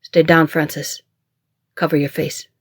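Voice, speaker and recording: A reader voicing a gruff male bodyguard. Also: little pitch movement, measured pace, no room sound, studio quality. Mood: tense. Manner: low murmured orders, barking in danger. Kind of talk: audiobook dialogue.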